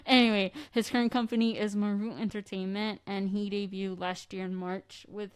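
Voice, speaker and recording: A woman's voice: medium pitch, level tone, moderate pace, clear, resonant tone. Chatty woman co-hosting a podcast. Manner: chatty, laughs often, trails off into quiet asides. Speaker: podcast co-host. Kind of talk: casual chat.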